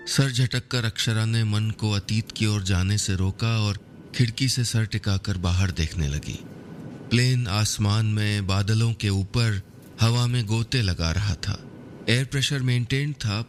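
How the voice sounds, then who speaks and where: A middle-aged man narrating a scripted story in a soft, measured, unhurried way. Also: on the low side.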